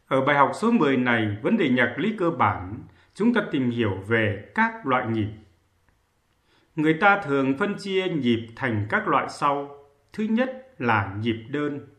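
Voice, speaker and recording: A man teaching a music theory lesson, explaining calmly and counting beats aloud. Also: medium pitch, measured pace, roomy sound. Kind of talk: slow, measured lesson narration.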